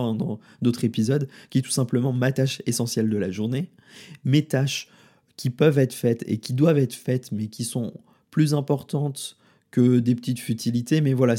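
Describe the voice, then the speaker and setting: Guy podcasting about everyday life, warm dark voice, bit husky, chatty and informal, talks right at you. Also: medium pitch, fairly even intonation, brisk. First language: French. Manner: informal, addresses listener directly with filler words. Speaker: podcast host and wellbeing consultant. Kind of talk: casual advice podcast monologue.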